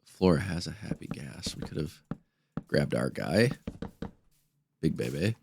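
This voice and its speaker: A man's voice: extremely low pitch, animated, unhurried, creaky, background noise. A man giving casual gameplay commentary as host, his voice stuffy and nasal from a blocked-up nose with a cold. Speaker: gaming video host.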